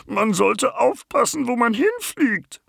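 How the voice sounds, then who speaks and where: A man doing a squeaky little bumblebee queen. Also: sing-song, gravelly, a bit bright, slightly rough, no room sound, clean studio sound, full character voice. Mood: dizzy. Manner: squeaky, drawn-out, dizzy. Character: sleepy young female bumblebee queen, apologetic.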